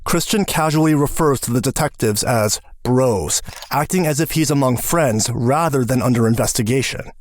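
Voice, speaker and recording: A man narrates scripted true crime, measured and dramatic. His voice sits in an ordinary middle range. The voiceover is dry and close, with no room sound. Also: medium pitch, no room sound.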